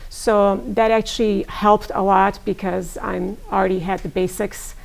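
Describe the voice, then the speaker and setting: A middle-aged Serbian pharmacist, a native Serbian speaker, answers interview questions as a guest, measured and with frequent pauses. Her voice is medium in pitch, gravelly, and delivered flatly.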